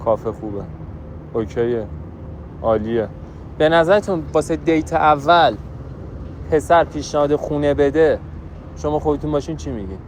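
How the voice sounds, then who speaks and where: Brash high-voiced male street prankster. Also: pauses often, a little hiss or hum. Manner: brash, pushy, mock-scolding. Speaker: hidden-camera prankster. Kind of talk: street prank, teasing banter. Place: outdoors in a city park. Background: background music.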